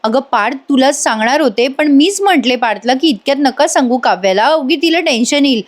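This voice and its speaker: A woman voicing a gentle young wife who calms others down. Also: high voice, brisk, voice pushed up. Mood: soothing.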